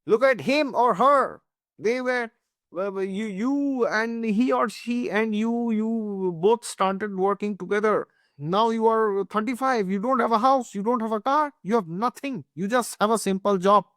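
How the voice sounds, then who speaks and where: Brief: taunting relative, as a man puts him on, high scolding tone, sharp close-mic sound. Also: measured pace, dry recording. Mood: mocking. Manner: scolding, mocking. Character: nagging middle-aged relative taunting someone.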